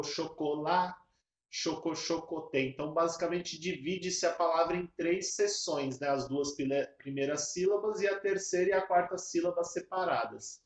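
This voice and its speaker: A man explaining a children's rhythm game step by step, teaching music to early-years teachers. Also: a little high. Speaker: music educator. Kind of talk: casual teaching video. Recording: echoey room.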